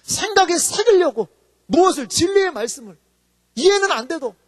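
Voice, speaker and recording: A man's voice: very high-pitched, lively intonation, moderate pace, clean studio sound. A man in his forties, an associate pastor, preaching emphatically and asking the congregation rhetorical questions. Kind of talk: sermon. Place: church sanctuary. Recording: long reverb of a church hall.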